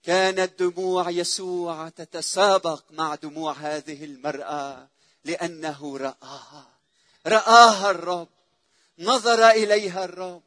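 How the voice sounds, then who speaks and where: A man preaching a sermon, emotive and repetitive, swelling loud then dropping to a hush. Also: a little high, steady tone, moderate pace, no echo, studio quality.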